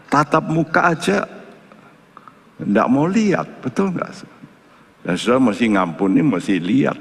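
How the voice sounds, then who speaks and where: A male pastor preaching a sermon, firing rhetorical questions and swinging between loud and hushed. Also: fairly low pitch. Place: church. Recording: echoey church hall.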